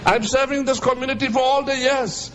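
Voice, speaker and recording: A man's voice: extremely high pitch, steady tone, fairly quick, fairly bright tone, slight background noise. A man with a Cape Town South African accent preaching a colloquial Friday sermon, impassioned and addressing his listeners directly with rhetorical questions.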